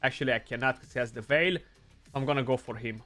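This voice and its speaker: Over soft background music, the young Romanian-accented gaming YouTuber talks fast in a sharp, medium-pitched voice. He comments casually on the game, thinking aloud and frequently adding "you know."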